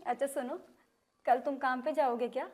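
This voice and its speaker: एक युवा औरत जो प्यार करने वाली गाँव की पत्नी का किरदार निभा रही है, नरम और स्नेह भरी आवाज़ में बोलती है।. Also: female voice, high voice, steady tone, normal speed. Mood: loving. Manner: soft, affectionate. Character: devoted young village wife, tender-hearted. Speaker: wife.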